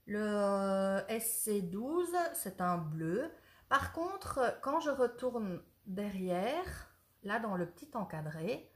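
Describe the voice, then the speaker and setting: A woman who owns a ceramics shop, chatting eagerly through a casual product demonstration and sometimes losing her thread. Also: mid-range voice. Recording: roomy echo.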